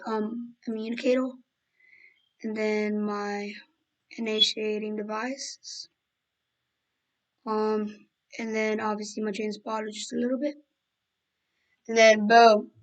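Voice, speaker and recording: A woman hosts a casual coding tutorial while she is losing her voice, so her speech comes out hoarse. Her voice sits fairly high but stays flat and even in pitch. She rambles, restarts sentences and fills pauses as she works. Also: low-quality recording. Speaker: tutorial host. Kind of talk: screen-recorded coding tutorial.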